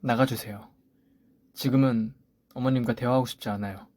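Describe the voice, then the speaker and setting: A man's voice: medium pitch, fairly even intonation, normal speed, a little mellow, no echo, lightly acted. A man voicing an indignant young pregnant wife. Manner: pleading, defiant protests. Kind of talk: story radio voice acting.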